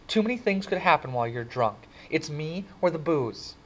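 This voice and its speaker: A man's voice: medium pitch, normal speed, close to an everyday voice. A man voicing an earnest, frightened teenage girl who pleads and scolds. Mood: scolding. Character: upset teenage girl, tender and fearful.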